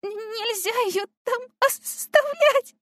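A woman's voice: extremely high pitch, slow, a bit bright, no room sound, pitched above the performer's own voice, exaggerated voice. A woman playing a screaming, hysterical young woman. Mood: shaken. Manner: screaming and pleading. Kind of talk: audiobook reading.

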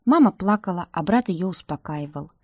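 A woman narrating a first-person audiobook in an even storytelling manner. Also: fairly low pitch, normal speed, breathy edge, no room sound, studio quality.

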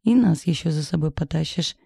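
A woman's voice: sits low, animated, brisk, creaky, mellow, husky, dry recording, studio quality, heavily acted. A woman reading the part of a blunt, sarcastic young woman who works as a lawyer, in an audiobook. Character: sharp-tongued young woman lawyer friend.

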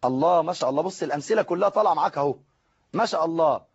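A man's voice: fairly high pitch, rapid-fire, slightly rough, highs cut off. A man with an Egyptian Arabic accent teaching a live online grammar lesson, explaining step by step and asking and answering his own questions.

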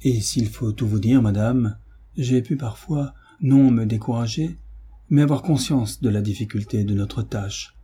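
A man reading aloud as a devoted gentleman, speaking with calm, earnest reassurance. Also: mid-range voice, measured pace, husky.

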